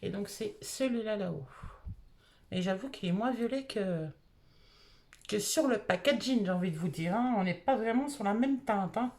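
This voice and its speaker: A woman's voice: medium pitch, animated, normal speed, darkish tone. A married woman from France, casually reviewing beauty products she bought and thinking aloud with lots of fillers. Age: adult, married. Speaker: beauty vlogger.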